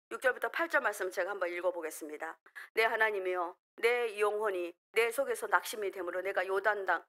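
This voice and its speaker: A woman's voice: a little high, pushed and bright. A woman pastor delivering a fervent sermon at a prayer meeting, rising into emphatic exhortations. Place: church sanctuary.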